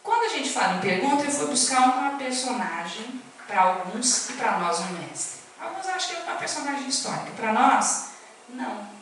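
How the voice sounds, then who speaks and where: A woman's voice: on the high side, a bit bright, far from the mic, a little hiss or hum. A woman giving an informal spiritist talk, chatty and often putting questions to her listeners. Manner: chatty, asks the audience questions. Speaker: spiritist lecturer. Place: spiritist centre hall. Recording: echoey hall, speaker off-mic.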